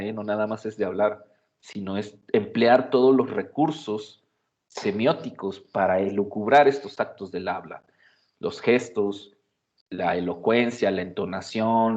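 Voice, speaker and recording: A man's voice: fairly low pitch, darkish tone. A middle-aged man, giving a university lecture in a conversational way, full of fillers and tag questions. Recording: dull lo-fi audio.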